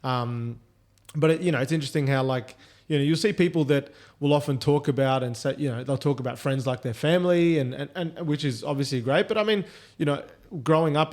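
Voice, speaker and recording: Here a mid-range, slightly mellow male voice carries an Australian accent. He's a podcast co-host chatting casually, drifting through stories with plenty of filler words.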